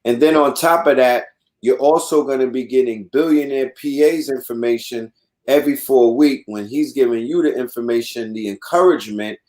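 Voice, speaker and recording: A man's voice: medium pitch, a little mellow. A man hosting a livestream, talking casually and explaining things to his viewers. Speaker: livestream host.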